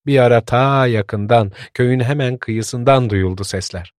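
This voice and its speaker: A man narrating a story in a calm, measured storytelling voice. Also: mid-range voice, no echo, clean studio sound.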